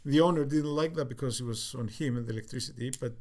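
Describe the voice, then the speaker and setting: A man in his sixties from Cyprus with a light Cypriot accent, recalling the past in a casual family interview, halting often with fillers. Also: medium pitch, a little mellow. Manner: reflective, halting with many fillers. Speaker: interviewee, father.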